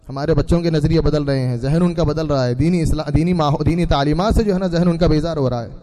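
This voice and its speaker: A man's voice: a little high, dark tone. A man preaching at a madrasa gathering, urging his listeners with earnest exhortation and repeated phrases. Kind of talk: sermon.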